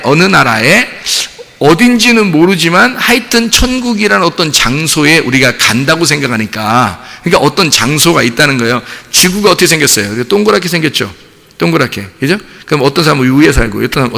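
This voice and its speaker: Animated gravelly pastor in a reverberant church. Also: male voice, a little high. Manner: conversational, asks the congregation questions, animated. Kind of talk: sermon. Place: church sanctuary. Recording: long hall reverb.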